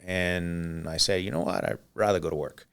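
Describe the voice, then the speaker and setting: A middle-aged man from Cuba, Spanish his first language, speaks in a low, smooth and resonant voice. He tells his story as a podcast guest, easygoing and meandering, filling pauses with "uh" and "um". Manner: relaxed, rambling, frequent "uh" and "um". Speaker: podcast guest, business owner. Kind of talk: casual interview storytelling.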